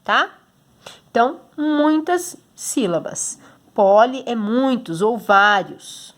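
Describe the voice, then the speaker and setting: A woman's voice: fairly high pitch, lively intonation, slow. A woman with a Brazilian Portuguese accent, a teacher explaining a homework exercise to children patiently, step by step, checking in often. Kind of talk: recorded homework lesson for children.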